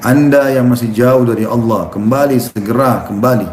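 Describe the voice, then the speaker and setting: A male Islamic preacher giving a question-and-answer sermon, telling stories and acting out quotes in an animated way. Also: medium pitch, normal speed. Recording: roomy with faint noise.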